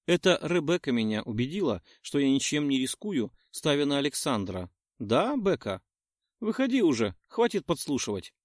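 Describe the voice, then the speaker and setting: A sly fairy queen speaks with a mocking, self-satisfied air, as a man raises his voice to play her in an audiobook. Her lines rise and fall with lively pitch. The recording is close and dry. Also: moderate pace, no room sound, close to an everyday voice. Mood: amused, scheming. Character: proud scheming woman, queen of summer.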